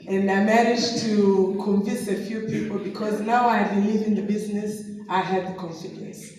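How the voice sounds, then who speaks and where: This middle-aged woman from Tanzania, a business distributor invited as a guest speaker, tells personal stories in her testimony and laughs frequently. Her medium-pitched voice is a little mellow, with fairly even intonation and a moderate pace, and she's recovering from a sore throat. She is picked up from far off in a hall with lots of echo.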